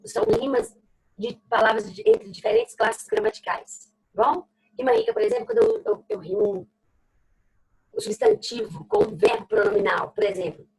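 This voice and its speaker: A woman's voice: high voice, gravelly, slightly rough, low-quality recording. A woman with a Brazilian Portuguese accent teaching a literature lesson, explaining step by step, repeating key phrases and checking in with "ok?". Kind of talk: recorded class lesson.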